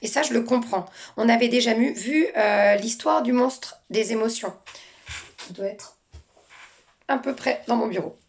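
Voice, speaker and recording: A woman teacher speaking gently and reassuringly to children as she introduces and reads a picture book. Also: fairly high pitch, measured pace, creaky.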